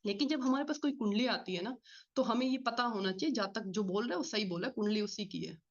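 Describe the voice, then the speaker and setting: A woman gives a spoken astrology lesson at a quick clip, explaining point by point and answering her own questions. Her voice sits at an ordinary pitch for a woman. The audio sounds a little dull and lo-fi. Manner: fast-talking, explains with repeated rhetorical questions. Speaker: astrology teacher. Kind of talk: spoken class lecture.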